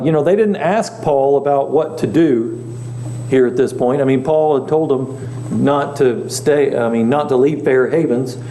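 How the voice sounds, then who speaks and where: A man's voice: mid-range voice, mellow. A male pastor teaching a Bible class in a chatty way, often asking the class questions. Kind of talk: conversational Bible lesson. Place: church meeting room. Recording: echoey room, faint hum.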